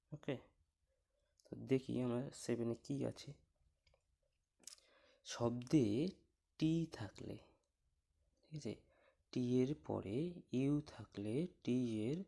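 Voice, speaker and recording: In a warm, gravelly voice of medium pitch, a man walks through English pronunciation rules in a slow, step-by-step lesson. He spells out words one letter at a time and patiently answers the questions he poses.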